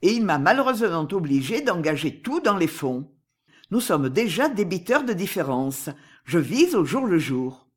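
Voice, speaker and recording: Anxious small-time male money dealer, audiobook character, husky voice, exclaiming, defensive, lively pitch, as a narrator reads him. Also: moderate pace. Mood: dismayed.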